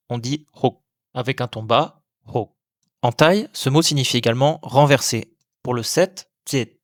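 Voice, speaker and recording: A man teaching language, giving scripted, methodical explanations and slowly sounding out example words. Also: mid-range voice, no room sound, studio quality. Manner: clear, methodical explanations with slow demonstrated pronunciations. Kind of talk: scripted educational narration.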